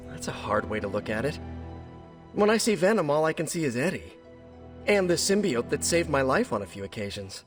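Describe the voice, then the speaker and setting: A man's voice: a little high, very animated, fairly quick, over music. An American man playing a young, nerdy, wisecracking superhero in a video game, chatty and joking in a stop-and-start delivery. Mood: earnest. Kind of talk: video game cutscene dialogue.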